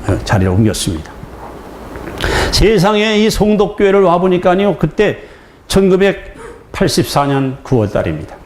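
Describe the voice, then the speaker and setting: Animated male pastor in an echoey hall. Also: medium pitch. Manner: animated storytelling, acting out dialogue, laughing. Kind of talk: sermon with storytelling. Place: church sanctuary. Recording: echoey church hall with faint noise.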